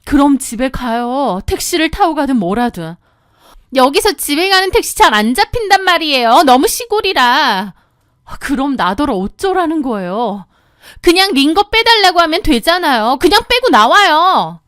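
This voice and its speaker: A woman voicing a spoiled young sister-in-law who whines and demands in a high, loud voice, in a storybook drama. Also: expressive, normal speed, hardly any pauses, dry recording, clean studio sound, lightly acted. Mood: whiny demanding. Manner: demanding, whining.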